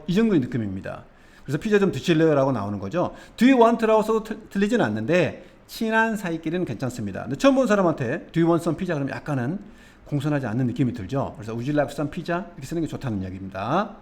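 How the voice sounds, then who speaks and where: A man teaching English expressions, explaining nuances patiently and step by step, often asking the viewer questions. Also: a little high.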